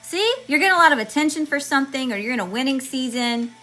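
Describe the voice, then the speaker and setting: A woman doing a tarot reading channels messages for her viewers in a casual, spiritual style. Her high, bright voice is animated and fast but going hoarse as she loses it. She's chatty and slangy, calls everyone "y'all," and rattles off card meanings in strings of words.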